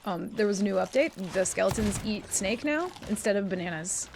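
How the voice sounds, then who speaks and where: Squealing, excitable woman game streamer. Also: medium pitch, fairly quick, creaky. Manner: playful, yelps and squeals when startled, voice cracks. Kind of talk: casual live gameplay commentary. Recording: noisy live stream audio.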